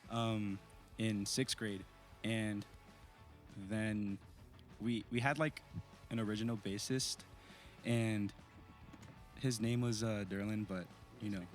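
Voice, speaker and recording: This East Bay teen, who sings and plays guitar in the band, speaks slowly and pauses often in a low voice, with faint music behind him. He's relaxed in the casual interview, rambling with lots of fillers.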